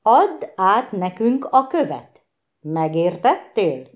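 A menacing goblin leader from a storybook, threatening and hissing through the words, as a woman narrator puts him on. The voice rises and falls in a lively way and pushes louder than the telling around it. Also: mid-range voice, lightly acted.

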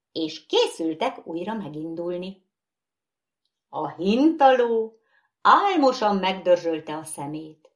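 A woman narrating a children's story aloud in a lively, expressive reading. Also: fairly low pitch.

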